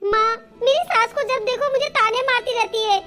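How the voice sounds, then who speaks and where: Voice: very high-pitched, flat delivery, moderate pace, sharp tone, faint music behind. A voice actor playing a tearful young married woman who complains and whines in a comedy cartoon. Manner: complaining, whining.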